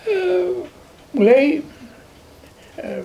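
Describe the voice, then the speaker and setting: A Greek priest and theologian in his sixties recounts personal memories in a very high, creaky voice, with slight background noise. He's a lively storyteller who quotes others and often repeats words.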